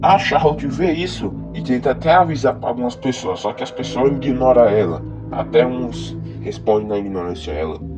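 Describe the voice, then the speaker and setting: A man's voice: mid-range voice, animated, normal speed. A man with his voice run through a voice changer, telling a film's plot in a loose, chatty way with lots of fillers. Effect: voice changer disguising his real voice. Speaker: movie recap narrator. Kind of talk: casual film plot summary. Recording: muffled, dull voice-changer audio. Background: background music.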